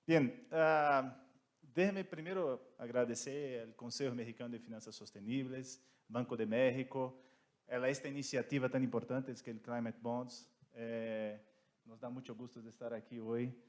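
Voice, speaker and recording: A man with a Brazilian Portuguese accent giving panel remarks in careful, deliberate Spanish mixed with Portuguese, as a native Portuguese speaker. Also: medium pitch, steady tone. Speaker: petrochemical company representative, panelist. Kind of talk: prepared remarks at a conference panel.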